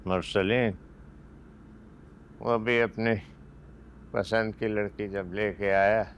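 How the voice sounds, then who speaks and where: A proud, unbending older patriarch in a TV drama, with a Pakistani accent. His voice is low and gravelly, and he keeps it flat and even. He speaks slowly and gravely, weighing every word. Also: a little hiss or hum. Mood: stern, grave. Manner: slow, grave and measured. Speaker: stern family elder, the father.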